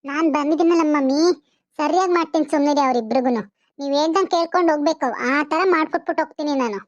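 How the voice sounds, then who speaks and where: Cartoon daughter home on a visit, brisk and bossy as a woman voices her. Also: high-pitched, dry recording, highs cut off, natural voice. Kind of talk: animated cartoon voice acting.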